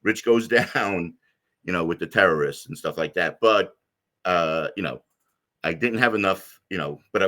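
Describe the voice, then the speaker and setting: A middle-aged man from the United States telling a personal story as an interview guest, rambling with many fillers and restarts in a deep voice. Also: a bit bright. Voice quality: deep low voice.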